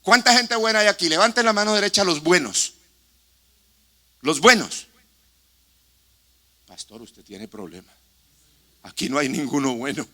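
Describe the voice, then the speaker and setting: A male pastor preaching in a church, his voice a touch high and strikingly sharp and forceful. He preaches with passion and fires questions at the people in the pews. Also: normal speed. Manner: impassioned preaching, addressing the congregation with questions. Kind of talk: sermon. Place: church sanctuary.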